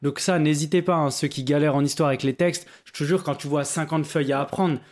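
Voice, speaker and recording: Young man, higher voice, chatty and hesitant, casual tips. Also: steady tone, fast talker, darkish tone. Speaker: podcast co-host. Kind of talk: casual chat.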